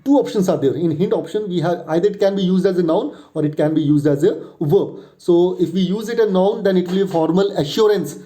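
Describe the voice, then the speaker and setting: A man's voice: high voice, brisk, hardly any pauses, mellow. A man teaching spelling and pronunciation, spelling words out letter by letter and explaining at length with fillers. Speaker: English tutor.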